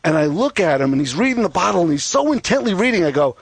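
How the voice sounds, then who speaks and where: A man co-hosting a casual car talk radio show, telling stories in an animated way and laughing often. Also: high-pitched, quick pace, gravelly, husky, no room sound.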